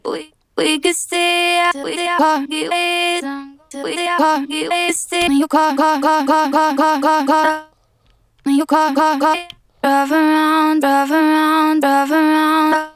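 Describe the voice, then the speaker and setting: A high woman's vocal, chopped in a stutter edit. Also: level tone, slow, long pauses, soft background music. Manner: short sung phrases looped over and over. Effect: chopped stutter edit repeating syllables. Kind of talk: sung pop vocal sample.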